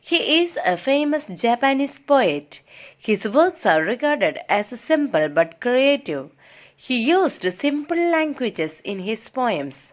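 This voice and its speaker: A woman tutor in an exam-prep lesson who reads her notes out at an unhurried, dictating pace. Her voice sits at a middling pitch. Between the readings she explains things in her own words, pausing on fillers.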